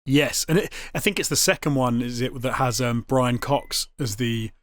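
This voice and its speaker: A man's voice: medium pitch, moderate pace, a bit bright, dry recording. A young adult man co-hosting a casual gaming chat, talking hesitantly with lots of ums and restarts. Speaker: podcast co-host.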